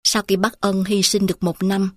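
Woman storyteller, calm measured reading, middle pitch, dry close recording. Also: dry recording. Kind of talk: scripted story narration.

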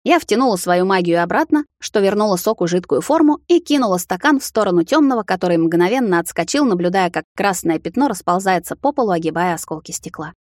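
A woman narrating a first-person fantasy romance audiobook in a steady, expressive storytelling voice. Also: medium pitch, fast talker, hardly any pauses, no room sound, studio quality.

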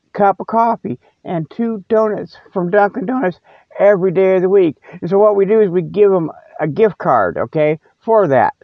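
A high-pitched man hosts a comic report as a casual, rambling, folksy monologue, often repeating himself. The audio is dull, dry and lo-fi.

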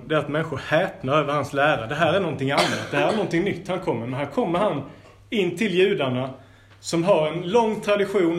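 A man with a fairly high voice leads a Bible school lesson. He reads scripture aloud and breaks in with lively, playful asides. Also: slight background noise.

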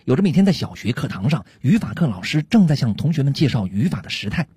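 A man narrating jokes as a radio comedy host in a brisk storytelling manner. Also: medium pitch, big pitch swings, loud music behind the voice. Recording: noisy radio recording.

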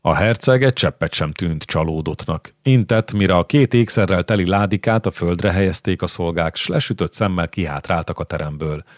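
Deep-voiced man narrating a novel. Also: few pauses, no echo, studio quality. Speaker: audiobook narrator.

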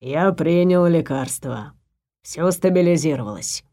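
A woman doing a slow, murmuring middle-aged man. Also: deep voice, expressive, warm tone, pitched below the performer's own voice. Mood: tense hushed. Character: middle-aged stepfather, low, hushed and cautious. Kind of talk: audiobook character voice.

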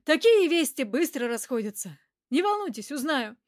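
Woman voicing a loud, rough-talking man on the run. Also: high-pitched, big pitch swings, moderate pace, no room sound, studio quality. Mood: gruff. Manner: shouting, coarse street talk. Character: rough, hot-tempered hunted man, loud and defensive.

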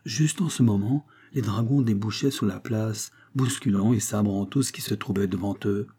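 Narrating a classic novel as an audiobook, a man reads in a steady, measured storytelling voice that sits on the low side and sounds slightly rough.

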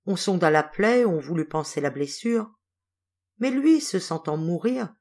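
A woman reads a classic novel aloud in a measured, expressive way. Her voice sits a little low for a woman, and she paces the storytelling with care. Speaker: audiobook reader. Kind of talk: literary audiobook narration.

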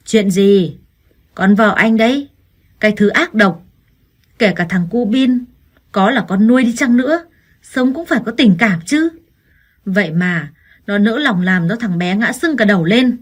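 A harsh, accusing older mother-in-law from a storybook reading, put on by a woman narrator. She scolds shrilly and spitefully, and her voice carries a husky, breathy edge. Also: medium pitch, expressive, a little slow, pauses often. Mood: furious.

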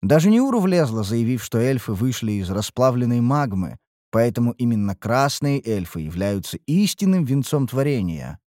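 Man, audiobook narrator, first-person storytelling, expressive, lively intonation, dry close recording. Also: mid-range voice, normal speed, no echo.

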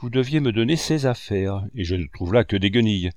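A man's voice: on the low side, lively intonation, a little fast, darkish tone, no echo, clean studio sound, lightly acted. A man voicing a firm old street showman.

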